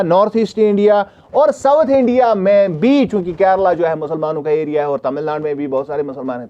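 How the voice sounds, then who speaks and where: A man from Kashmir, teaching a revision lesson, often checking if students follow and reading English questions out slowly. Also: high-pitched, dull audio.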